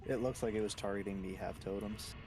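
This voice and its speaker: A man in game voice chat, hedging and halting as he explains what happened. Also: on the low side, steady tone. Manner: hesitant, hedging, halting restarts. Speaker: raid teammate. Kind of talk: casual voice chat. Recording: noisy voice-chat line.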